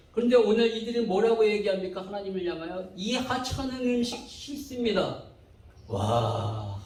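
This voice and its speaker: High-voiced man preaching in an echoey church. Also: distant mic, slight background noise. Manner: animated preaching, acting out quoted complaints. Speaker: pastor. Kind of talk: sermon.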